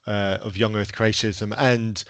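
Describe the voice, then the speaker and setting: A man's voice: lowish voice, steady tone, unhurried, fairly bright tone, no echo. A man who grew up in Zambia, a podcast guest speaking frankly and emphatically in casual discussion.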